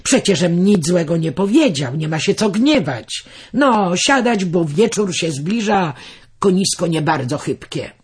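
A man voicing a gruff, rustic village coachman who talks bluntly in country speech. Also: sits high, big pitch swings, a little slow, heavily acted. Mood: placating.

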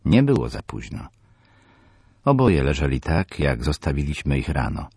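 A man narrating a horror audiobook in the first person, measured and tense. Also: rumbling low, very animated, darkish tone, slightly rough, no room sound, studio quality.

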